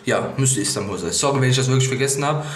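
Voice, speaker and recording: A young man chatting excitedly to camera about music, animated with sudden high bursts and lots of fillers. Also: very fast, slight background noise. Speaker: vlogger reviewing an album box. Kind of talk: casual excited chat to camera. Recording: echoey room.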